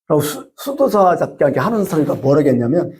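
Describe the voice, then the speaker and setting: A man's voice: fairly high pitch, a little fast. A male pastor preaching a sermon, telling stories and asking the congregation rhetorical questions. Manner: lively storytelling with rhetorical questions.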